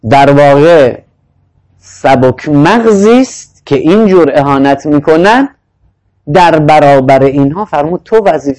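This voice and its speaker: Man preaching, slow Arabic recitations. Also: sits high, a little mellow, poor audio. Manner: recites Arabic verses slowly, then explains in a conversational tone. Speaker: Quranic lecturer. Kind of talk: sermon on Quranic verses.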